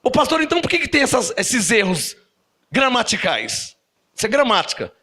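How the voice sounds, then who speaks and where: A man with a Brazilian Portuguese accent preaching a sermon to a congregation, animated and often asking them questions. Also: very high-pitched, moderate pace, breathy edge. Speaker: apostle preaching. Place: church service.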